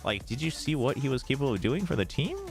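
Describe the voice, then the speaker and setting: Very animated and fast, a gravelly medium-pitched voice with an American East Coast accent drives a casual esports livestream. Faint music plays behind this watch party host and analyst as he chats and comments informally.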